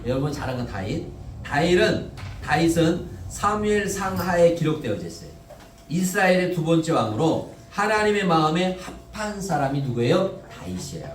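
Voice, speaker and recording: A man with a voice on the higher side, carrying a faint hiss or hum, preaches a Sunday sermon as a pastor. He talks conversationally, often posing questions to the congregation and answering them himself. It's captured from a distance in an echoey church sanctuary.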